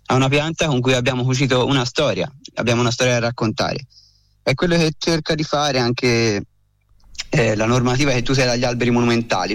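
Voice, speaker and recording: A man speaking as an expert guest over a phone line, explaining calmly and going through points one by one. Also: mid-range voice. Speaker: expert guest on a radio show. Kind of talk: calm informative explanation.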